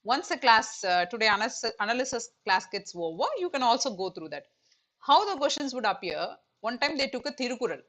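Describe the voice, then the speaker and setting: This is a woman, middle-aged, delivering an online coaching lecture for exam students. Her voice sits slightly high. She talks in loose, repetitive phrases, leaning on "okay" and "uh" between points. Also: animated, a little fast, fairly bright tone. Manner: repetitive, filler-heavy explaining with "okay" and "uh".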